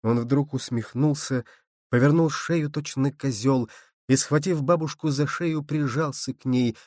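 A man reads a classic prose story in a measured, steady voice of middle pitch. The recording is dry and close, with no room sound. The delivery stays calm and even throughout. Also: no echo. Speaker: narrator. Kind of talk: literary audiobook reading.

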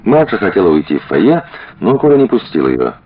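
A male audiobook narrator with a low, husky voice tells the story in a measured way. His delivery is lively in pitch, and the recording sounds dull and lo-fi. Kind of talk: scripted narration.

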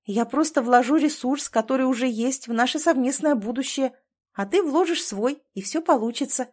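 A woman's voice: sits high, normal speed, darkish tone, voice pushed up. A woman reading an audiobook and voicing a strong-willed woman who argues insistently, with a steely edge in her voice. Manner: insistent, pleading and emphatic. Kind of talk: audiobook character voice.

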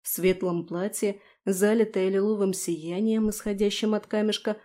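A woman narrating a first-person fantasy audiobook in a calm, measured way. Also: medium pitch.

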